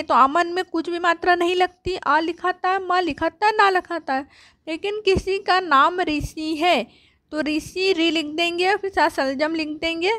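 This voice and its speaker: A woman teaching young children at a board. She asks questions and answers them herself, and she draws out each letter sound slowly. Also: very high-pitched, fairly bright tone, no room sound, studio quality. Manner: slow, drawn-out sounding of letters.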